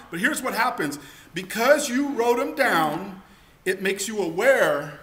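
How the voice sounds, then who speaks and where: A man in his forties giving an energetic keynote-style seminar talk to an audience in a meeting room, with emphatic delivery and many rhetorical questions, on a lapel mic. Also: high voice. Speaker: keynote speaker.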